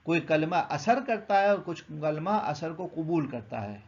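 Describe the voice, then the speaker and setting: A man's voice: on the high side, lively intonation, a little mellow, muffled recording. A man teaching a beginner grammar lesson, patiently explaining, asking questions and then answering them himself.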